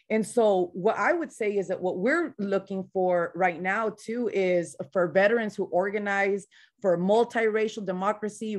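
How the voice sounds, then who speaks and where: Her voice sits in the mid-range, carrying a faint Spanish-influenced accent. She's a seasoned organizer, blunt and passionate, taking part in an informal online panel discussion.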